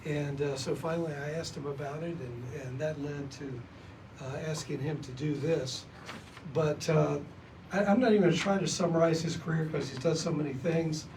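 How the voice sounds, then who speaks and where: A man hosting an event, introducing a guest speaker in a loose, halting way with many fillers. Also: on the high side, fairly even intonation. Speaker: event host. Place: library meeting room. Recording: distant mic with noisy room.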